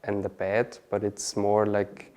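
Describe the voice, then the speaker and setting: Man, low pitch, chatty interview guest, tag questions. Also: monotone, measured pace, darkish tone. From Austria. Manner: chatty, peppers speech with "okay?" and "you know". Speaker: interview guest, marketing specialist. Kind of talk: casual interview answers.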